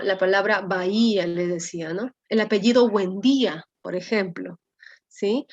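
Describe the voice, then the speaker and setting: Peruvian woman teaching a class online. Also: medium pitch. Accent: Peruvian Spanish. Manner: explanatory, often adds "¿no?" as a check. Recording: slightly dull lo-fi audio.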